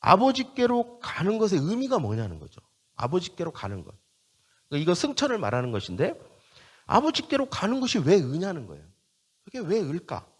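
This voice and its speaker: A male pastor preaches a sermon in a high, lively, slightly fast voice with a breathy edge, his pitch swinging widely up and down. He hammers key phrases repeatedly and keeps turning to the congregation with questions.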